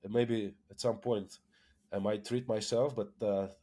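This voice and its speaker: Low-voiced man from Lithuania, halting. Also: fairly even intonation, dark tone. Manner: hesitant, many fillers and repeated words. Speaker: tech company founder, guest. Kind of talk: casual interview conversation.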